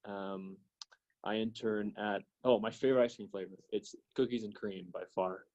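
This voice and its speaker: Easygoing young man, lowish voice. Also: steady tone, moderate pace, a little mellow, dull audio. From Washington state. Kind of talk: panel self-introduction.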